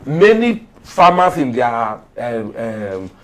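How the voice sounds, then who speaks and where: This Nigerian-accented panelist has a medium-pitched, somewhat bright voice that swings widely in pitch as he speaks slowly. His political commentary comes as emphatic stories, with pauses and repeated phrases to drive each point home.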